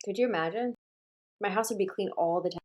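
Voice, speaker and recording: A woman's voice: mid-range voice, fast talker, darkish tone. A woman hosting a livestream, chatting casually and rambling with lots of "like". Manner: rambling, heavy use of "like". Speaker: livestream host.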